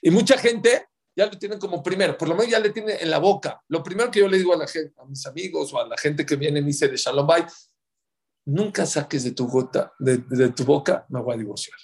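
A religious advisor on marriage speaks briskly to an audience, his voice carrying a breathy edge. He is emphatic and counts off his points, acting out quotes in sudden high outbursts.

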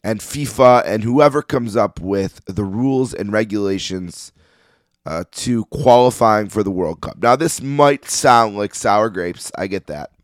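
A man hosting a sports podcast in a casual, opinionated monologue, his voice slightly hoarse as if he is losing it. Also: on the low side, measured pace, dry recording, clean studio sound. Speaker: podcast host.

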